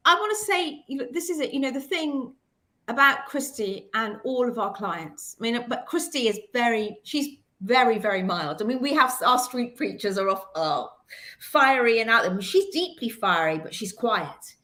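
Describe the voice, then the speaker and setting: A woman hosting a panel discussion, talking in an animated, emphatic way with many restarts. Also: a little high, normal speed. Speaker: host.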